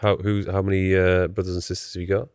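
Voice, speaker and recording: Deep-voiced teasing podcast host, a man. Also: flat delivery, fast, a little mellow, clear, resonant tone, dry recording, studio quality. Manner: teasing, jokey, laughs often. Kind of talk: casual interview chat.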